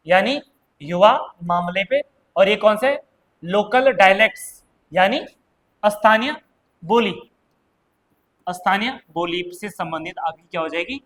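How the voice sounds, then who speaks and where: A man's voice: sits high, a bit bright, low-quality recording. A man teaching an exam coaching class in a classroom, explaining practice questions in a chatty way and checking in with his students. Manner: mixes Hindi explanation with read-out English.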